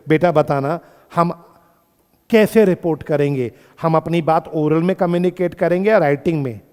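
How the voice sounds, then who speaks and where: A male accountancy teacher giving a classroom lecture, firing questions at his students, calling them his kids and friends, and repeating key phrases slowly. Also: on the high side, darkish tone, in a large hall. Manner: addresses students as beta and friends.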